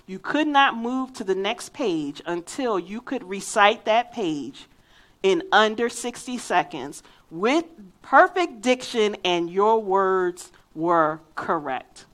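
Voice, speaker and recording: Speaking slowly, this Philadelphia woman has a medium-pitched, slightly bright voice with lively intonation. She delivers an earnest, emphatic sermon in a faint Philadelphia accent and works a personal story into it.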